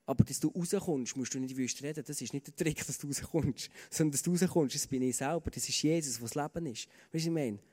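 A man's voice: a little high, fast, hardly any pauses, warm tone. A man with a Swiss German accent preaching a sermon in an earnest, conversational way, with many fillers and repeated starts. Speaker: pastor. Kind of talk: sermon with personal stories. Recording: long hall reverb.

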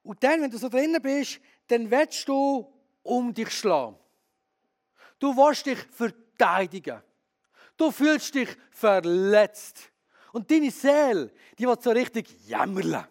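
A man preaching a sermon as a pastor, lively and candid, who often asks his audience questions. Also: very high-pitched, slow pace.

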